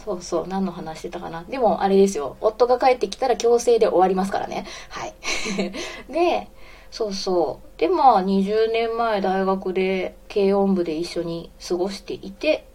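A woman of about forty from Osaka hosts a casual live audio stream in a warm Kansai accent. Her voice is mellow and relaxed, and she giggles often and breaks off her talk to greet listeners. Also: medium pitch, normal speed. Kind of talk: casual live radio chat, reading listener comments.

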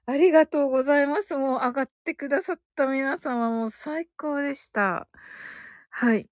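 A high-voiced woman chats casually to her live-stream listeners, bubbly and quick to laugh as she reads their comments aloud. The sound is dry and close, with no room around her. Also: no room sound. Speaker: host of a live audio broadcast.

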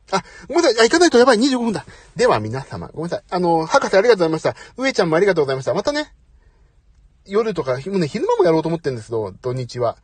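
Talking into his phone while parked outside away from home, a middle-aged man hosts a relaxed live audio chat. His voice is a little high with a breathy edge, the recording dry, and he comes across as chatty, quick to apologize and poking fun at himself.

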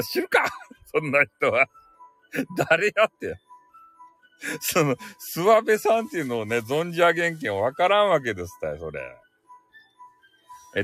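A man's voice: a little high, a bit bright. A man with a Hakata dialect from Fukuoka, hosting a casual live audio stream alone, chatty and self-mocking and laughing often as he reads out listener comments. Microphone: close home microphone.

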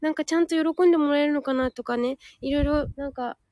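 A woman's voice: high-pitched, fairly even intonation, fast, a little mellow, no echo, clean studio sound. A woman hosting a live audio stream in a casual, chatty way, reading listener comments aloud and catching her own slips.

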